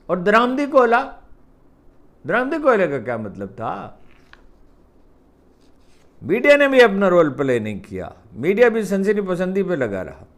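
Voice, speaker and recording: High-voiced man giving emphatic political commentary. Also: wildly swooping pitch, long pauses. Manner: emphatic, repeats points for stress.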